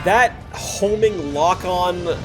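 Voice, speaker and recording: A man hosting a gaming video draws out his words in a high-sitting voice, with music in the background. His casual commentary on the recorded gameplay is apologetic and digressive, frequently returning to earlier points.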